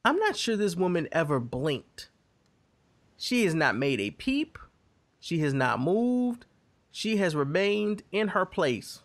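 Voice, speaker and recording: A man's voice: sits high, takes it slowly. A man hosting a podcast, casually reviewing a TV episode and acting out characters' quoted lines as he retells it. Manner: animated storytelling, acts out quoted lines. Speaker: podcast host.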